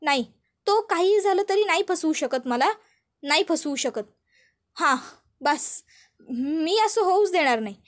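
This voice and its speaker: A woman voicing a spoiled, frantic young woman who fires off shrill, demanding questions. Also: animated, measured pace, long pauses. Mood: defiant.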